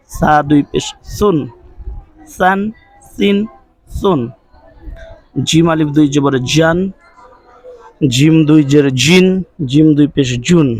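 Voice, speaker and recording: A man's voice: a little high, no echo, low-quality recording. Patient man drilling recitation syllables. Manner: repetitive drilling of syllables, rising on recaps; patient, asks listeners to repeat after him. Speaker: Quran recitation teacher. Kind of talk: recorded online class.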